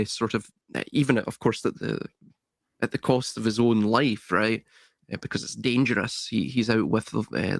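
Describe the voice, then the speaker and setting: A man's voice: medium pitch, dry recording, clean studio sound. A man on a video call, a guest in a philosophical discussion, rambling and musing with many fillers and restarts.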